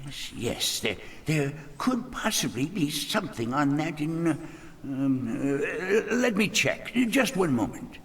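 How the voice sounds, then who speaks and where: A fussy, easily flustered male book-keeper from a fantasy adventure game. His pitch rises and falls all over the place, and it sits a little high. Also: sing-song, slow pace, fairly bright tone, heavily acted. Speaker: game character.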